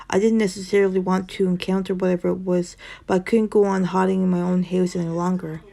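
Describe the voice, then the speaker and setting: A woman narrating a first-person horror story in a steady storytelling way, with the odd tongue-tied slip. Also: on the low side, creaky.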